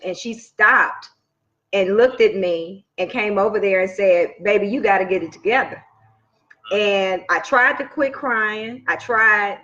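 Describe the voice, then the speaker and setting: A woman's voice: medium pitch, a bit bright. A woman co-hosting a casual radio show, telling a story in a heartfelt way. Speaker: co-host. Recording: dull lo-fi livestream audio.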